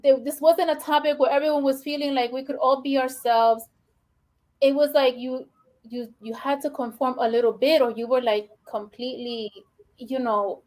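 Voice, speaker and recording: Speaking in a fairly high voice on a low-quality recording, a woman from the Bronx with a New York Puerto Rican accent talks as a guest educator. She is earnest and reflective, sprinkling in "you know" and "like" throughout a conversational interview.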